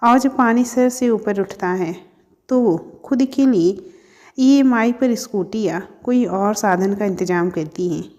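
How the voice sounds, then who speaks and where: A woman's voice: medium pitch, measured pace, darkish tone, big-room sound, lo-fi sound. A woman telling a family story in scripted narration, speaking to her listeners as friends. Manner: reads all characters in her own voice, addresses listeners as friends.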